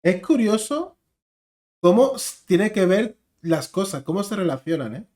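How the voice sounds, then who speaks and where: Hombre de voz algo aguda con acento español. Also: male voice, sits high, big pitch swings, a little slow, a little mellow. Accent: Spanish from Spain. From Spain. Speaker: reaction video host. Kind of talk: casual commentary.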